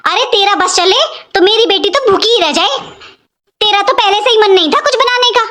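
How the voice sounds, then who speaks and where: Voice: very high-pitched, normal speed, sharp tone. A performer voicing a harsh, bossy middle-aged mother-in-law who taunts her daughter-in-law in a cartoon story. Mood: scolding. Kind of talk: animated cartoon voice acting.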